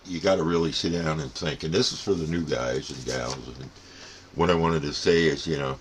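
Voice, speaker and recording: Fairly quick and steady in tone, this older man's very deep voice carries over slight background noise. He hosts a radio hobby channel and explains things in a casual, rambling, folksy, plain-spoken way.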